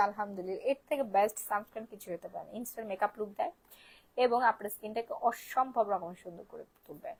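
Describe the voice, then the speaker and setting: Lady on a live sale, kinda high voice, repeats prices, sounds worn out. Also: fairly bright tone, poor audio. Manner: pushy sales patter, repeats prices. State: tired and unwell, speaks softly. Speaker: online shop seller. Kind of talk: live-stream product selling.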